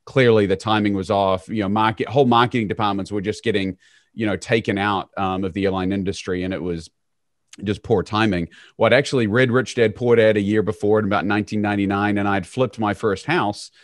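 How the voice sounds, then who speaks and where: A fairly low-voiced New Zealander, a real estate CEO, speaks a little fast as a guest in a conversational storytelling interview held by video call from his small home office. Easygoing and self-deprecating, he uses plenty of "um"s, and his close boom-arm studio mic sounds dry with no echo.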